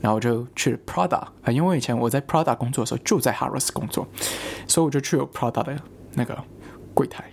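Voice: mid-range voice, fast talker, gravelly, husky. A young adult from Taiwan, casually telling a personal story with many fillers. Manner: chatty, many fillers, lively acted-out quotes. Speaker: vlogger.

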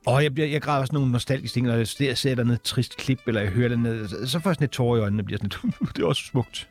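A man's voice: medium pitch, faint music behind. A man in his fifties, a comedian guest in a casual chat, telling rambling self-deprecating anecdotes with stammered restarts. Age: 50s.

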